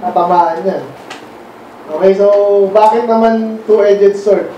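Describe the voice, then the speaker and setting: A man from the Philippines preaches in a relaxed sermon style, his voice high but mellow in tone. He keeps turning to his listeners with questions. He is recorded from across a very reverberant church hall. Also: slow, dull audio, slight background noise. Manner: quizzes the congregation with frequent questions. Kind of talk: conversational sermon. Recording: very echoey hall, mic far off.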